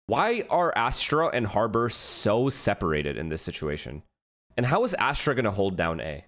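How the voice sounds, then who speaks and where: A man's voice: fairly low pitch, sing-song, moderate pace, fairly bright tone. A man co-streaming a match for his chat, giving blunt, opinionated takes in casual talk. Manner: blunt, opinionated, talks over the casters. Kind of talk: casual watch-party commentary.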